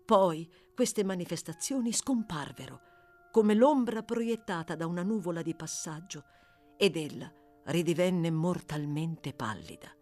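A woman reading a novel aloud, measured and expressive, with slow pauses. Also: lowish voice, faint music behind. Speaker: audiobook reader. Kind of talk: scripted literary narration.

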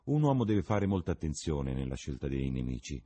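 A man's voice: a bass voice, big pitch swings, brisk, mellow, heavily acted. A man reading the part of a witty, cynical young English lord, with a languid, ironic delivery.

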